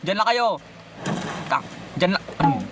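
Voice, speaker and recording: A young man doing game commentary, yelling and swearing excitedly at whatever he runs into. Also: sits high, normal speed, noisy background. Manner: excitable, yells and swears at mobs. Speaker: gamer.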